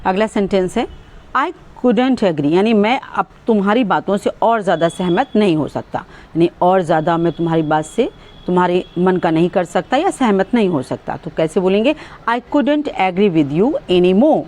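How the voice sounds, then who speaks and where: A woman teaching English sentences in Hindi, explaining with fillers and saying each English sentence very slowly and clearly. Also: medium pitch, expressive, a little mellow.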